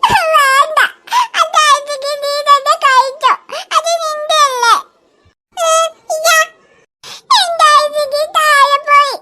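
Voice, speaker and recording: A woman's voice: extremely high pitch, steady tone, slow, sharp tone, heavily acted. Tiny sobbing cartoon girl. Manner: sobbing, whiny, pleading. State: crying. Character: small weepy little girl, sulky. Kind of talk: cartoon voice acting.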